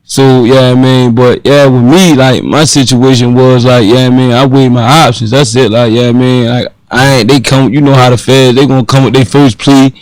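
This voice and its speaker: A man in his twenties with a Baltimore accent, a guest answering slowly and haltingly, full of fillers. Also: medium pitch, flat delivery, no room sound, rough recording. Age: 20s. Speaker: guest rapper. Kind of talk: casual interview chat.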